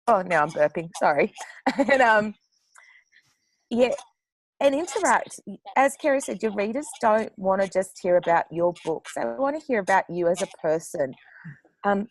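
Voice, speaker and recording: A woman's voice: mid-range voice, no room sound, rough recording. A woman author on a panel discussion who talks bluntly, swears freely and laughs often.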